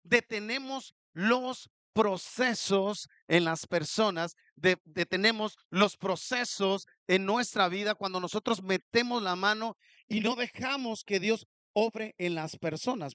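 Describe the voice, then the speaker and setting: A man's voice: high-pitched, fairly bright tone, smooth, dry recording. A middle-aged man preaching a sermon in church, mixing humor with questions to the congregation. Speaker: pastor.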